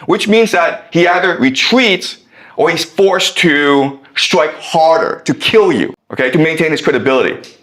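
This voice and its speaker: A man's voice: on the high side, a little slow, roomy sound. A male professor giving a classroom lecture, telling a story and checking in with his students. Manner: animated, checks in with "okay?".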